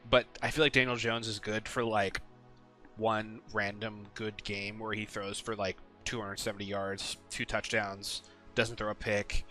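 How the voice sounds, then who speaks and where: A man's voice: lowish voice, level tone, measured pace, sharp tone, soft background music. A man casually talking through his weekly game picks, rambling with lots of ums and some swearing. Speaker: sports picks video host. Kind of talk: casual solo commentary.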